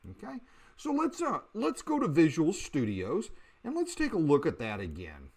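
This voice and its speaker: A man teaching a beginner programming lesson over a screen recording, talking in a halting way with many fillers and restarts. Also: fairly high pitch, huge pitch swings, breathy edge.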